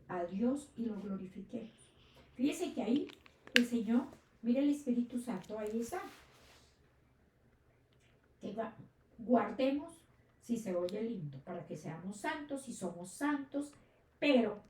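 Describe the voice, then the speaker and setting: High-voiced woman preaching in an echoey room. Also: a little mellow. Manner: asks rhetorical questions and checks in with listeners. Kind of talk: sermon. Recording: echoey room, distant mic.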